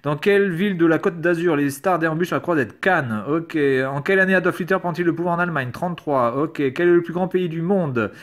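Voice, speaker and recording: Sarcastic man with a higher voice. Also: brisk, few pauses. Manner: sarcastic, swears, hesitant with many fillers; reads quiz questions aloud and answers them. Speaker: YouTuber. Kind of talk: casual screen-recorded commentary.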